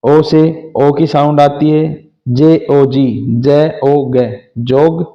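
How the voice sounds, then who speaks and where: A man's voice: on the high side, steady tone, extremely slow. A man teaching English phonics, spelling out words letter by letter and sounding each part patiently. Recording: dull lo-fi sound.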